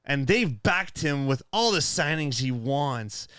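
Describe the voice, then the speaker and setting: A man's voice: a little high, lively intonation, fairly bright tone, smooth, dry recording. A man putting on a sinister cartoon villain voice while reading chat messages aloud, drawling and giggly. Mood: gloating. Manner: exaggerated, drawn-out, giggly reading.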